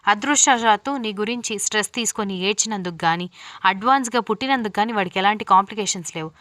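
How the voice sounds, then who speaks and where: A woman's voice: mid-range voice, fast talker, fairly bright tone, dry recording, clean studio sound, close to an everyday voice. Woman voicing scolding protective older sister. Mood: angry. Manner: scolding, sarcastic questions.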